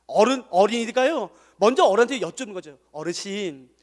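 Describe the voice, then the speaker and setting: A man with a very high, lively voice preaching to a congregation, rising to loud exhortation and then dropping to soft asides. His words ring out with a long reverb in a large church hall. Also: normal speed. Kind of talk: emotive sermon.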